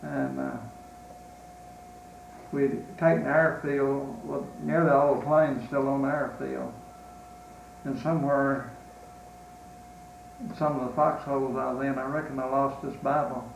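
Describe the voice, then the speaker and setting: An elderly man, in his 80s or older, with a Southern US accent recalls his soldiering days in an unscripted interview, halting and slow, in a level tone with long pauses. His medium-pitched voice is gravelly. The recording is roomy and distant from the mic, with slight background noise.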